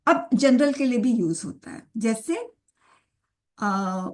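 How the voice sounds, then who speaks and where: Slow, patient Indian woman teaching grammar. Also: fairly high pitch, animated. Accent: Indian English. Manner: patient, repeats examples slowly, checks students often. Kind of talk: Hindi-English classroom explanation.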